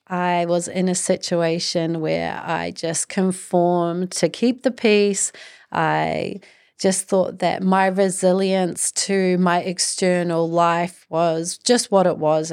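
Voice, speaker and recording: Gravelly, measured New Zealand woman podcaster. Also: lowish voice. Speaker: podcast host. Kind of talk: personal storytelling podcast monologue.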